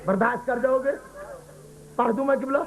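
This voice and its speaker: A man's voice: very high voice, steady tone, poor audio. A man reciting a mournful lament at a mourning gathering, wailing and pleading with his listeners. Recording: live gathering with crowd noise. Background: crowd of mourners.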